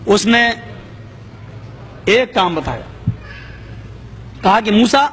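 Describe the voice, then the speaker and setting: Brief: male preacher, storytelling sermon, high voice, dramatic swells, faint noise behind. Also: big pitch swings, fairly bright tone. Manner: dramatic, rising pitch for quoted voices.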